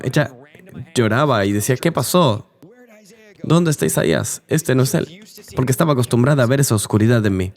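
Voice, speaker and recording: Guy dubbing an interview, earnest storytelling voice, mid-pitched. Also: a little mellow. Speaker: interview guest. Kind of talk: dubbed voice-over of an interview.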